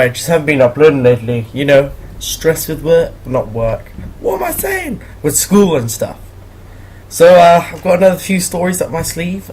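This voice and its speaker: A man's voice: medium pitch, a little mellow, slightly rough. A teenage boy telling awkward school stories in a casual, rambling way, laughing as he goes. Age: teens. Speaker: vlogger. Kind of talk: casual storytelling commentary.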